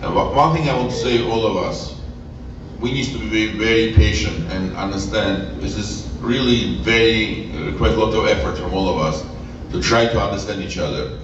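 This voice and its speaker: A man born in Armenia, an English speaker, giving an earnest, halting speech at an event with many restarts. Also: lowish voice, over music. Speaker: guest speaker. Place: large event hall. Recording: echoey lo-fi hall, distant mic, noisy.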